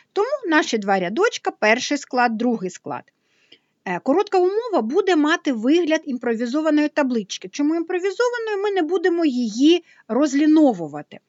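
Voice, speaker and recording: A woman's voice: sits high, dry recording, highs cut off. A woman math teacher explaining a lesson patiently, step by step.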